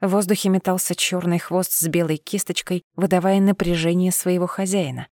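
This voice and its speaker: A woman reading a first-person audiobook in a steady, expressive voice. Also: fairly low pitch, a little fast, dry recording, studio quality. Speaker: audiobook narrator.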